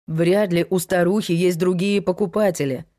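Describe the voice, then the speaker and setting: A young fiancé in an audiobook, eager at heart and quickly thrown into confusion, as a woman narrator reads him. The voice sits a bit low and stays close to plain speech. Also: fairly even intonation, mellow, close to an everyday voice. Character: young man, eager then anxious fiancé.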